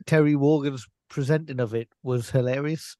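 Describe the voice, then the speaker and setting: A man's voice: mid-range voice, steady tone, normal speed, mellow, dry recording, studio quality. A man co-hosting a casual podcast chat, laid-back and rambling, laughing often. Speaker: podcast co-host.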